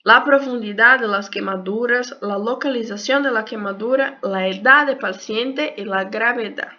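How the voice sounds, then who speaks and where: This young health sciences YouTuber, a native Portuguese speaker with a Brazilian accent, delivers a casual video lesson in a second language, hesitantly searching for words. She talks at a normal speed in a fairly high, bright, forceful voice. Audio quality is dull and lo-fi.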